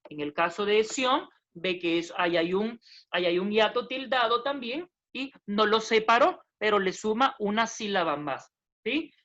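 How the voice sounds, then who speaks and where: A woman's voice: medium pitch, a bit bright. A woman teaching a recorded lesson in a patient, plodding way, going over points twice and stopping to check with short questions. Her voice sits in a middle range, and the recording sounds dull and lo-fi. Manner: patient, repeats herself, tag questions, self-corrections. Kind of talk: recorded lesson explaining poetry meter.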